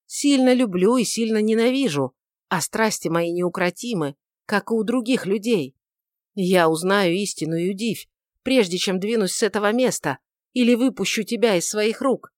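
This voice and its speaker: A woman's voice: medium pitch, moderate pace, darkish tone, no echo, close to an everyday voice. A woman voicing a troubled, passionate male outlaw who speaks in a brooding, pleading way, on a dry recording. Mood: fierce.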